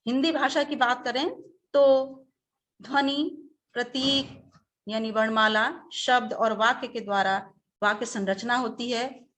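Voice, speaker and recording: A woman teacher giving a webinar lecture, speaking slowly and deliberately, now and then acting out short examples. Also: on the high side, fairly bright tone.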